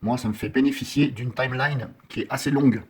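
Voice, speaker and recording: A man giving a casual software tutorial, rambling and often correcting himself with many fillers. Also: medium pitch, brisk, husky.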